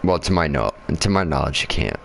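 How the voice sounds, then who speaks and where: A man's voice: extremely low pitch, animated, vocal fry, a little hiss or hum. A tired man chatting casually over his gameplay after a night shift, rambling, swearing a lot and stumbling over his words. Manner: rambling and profane, with frequent pauses and restarts. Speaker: gamer streaming his own play.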